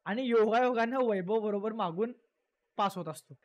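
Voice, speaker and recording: A woman's voice: medium pitch, moderate pace, a little mellow, muffled recording. A woman recapping a reality show for viewers in a chatty, scolding way, full of repeated words and rhetorical questions.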